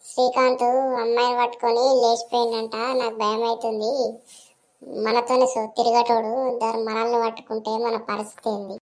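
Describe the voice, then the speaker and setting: A woman acting in a comedy sketch, trading quick, lively lines. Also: on the high side.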